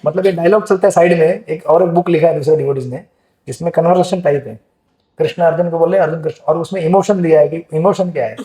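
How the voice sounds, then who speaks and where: A man teaches a scripture class in a chatty, questioning way, with a high voice for a man. His tone is mellow, and the hall gives it a roomy echo. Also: fairly even intonation, fast talker. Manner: conversational, asks the audience questions. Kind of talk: Gita class lecture. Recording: echoey hall.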